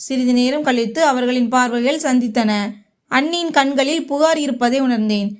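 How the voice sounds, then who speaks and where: A woman narrating a first-person short story in a slow, even storytelling manner. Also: high-pitched.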